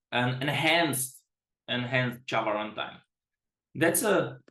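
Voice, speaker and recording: A man's voice: mid-range voice, a bit bright, echoey room. A man from the Czech Republic giving a webinar presentation as a product director, chatty and self-deprecating, often restarting his sentences.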